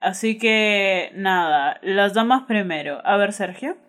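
A woman's voice: mid-range voice, lively intonation, slow, a bit bright. A young woman with a Peruvian accent co-hosting in playful, teasing chat. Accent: Peruvian Spanish. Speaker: podcast co-host. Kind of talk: casual chat.

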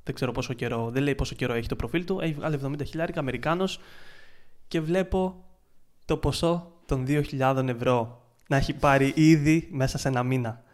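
A man chatting casually on a podcast, retelling his freelance work in an excitable way with many restarts. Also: mid-range voice. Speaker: podcast co-host, freelance ads marketer.

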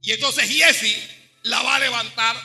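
High, bright-voiced man preaching. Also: normal speed, in a large hall, faint music behind. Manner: animated preaching, acts out dialogue in quotes. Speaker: pastor. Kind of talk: sermon.

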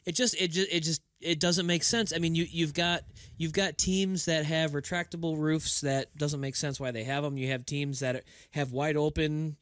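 A man's voice: a little high, steady tone, normal speed, few pauses, a bit bright, dry recording. Exasperated man griping about baseball. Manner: emphatic, exasperated, many restarts. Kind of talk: casual sports chat.

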